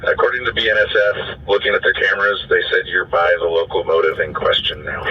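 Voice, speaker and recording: A man dispatching over a police radio transmission, steady and procedural. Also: low-pitched, fast. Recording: distant muffled radio with faint hiss.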